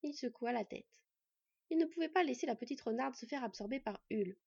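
A woman reading a story aloud as narrator in an even, measured way. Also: high voice, gravelly, breathy edge, dry recording, highs cut off. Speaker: audiobook narrator.

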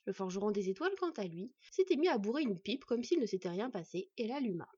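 Husky woman narrating a fantasy audiobook. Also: mid-range voice, sing-song, fast, dark tone, dry recording, dull audio.

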